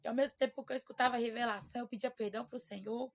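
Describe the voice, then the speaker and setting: A woman's voice: fairly high pitch, fairly even intonation, very fast. A young Brazilian woman with a Brazilian Portuguese accent, giving an emotional personal faith testimony and repeating words for emphasis.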